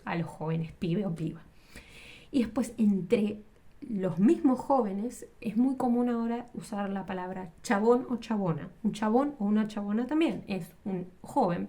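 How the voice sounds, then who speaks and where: A woman gives a relaxed Spanish lesson, her voice mellow and warm at a middling pitch. She explains patiently with examples and often stops to rephrase or correct herself mid-sentence. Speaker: Spanish teacher.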